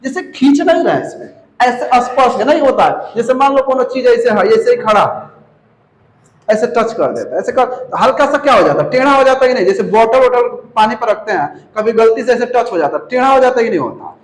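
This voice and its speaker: A man's voice: very high-pitched, sing-song, a little fast. A man teaching a physics class in with a touch, who keeps repeating key terms and quizzing students with questions. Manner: calls students "babu". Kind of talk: classroom lecture. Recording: echoey room.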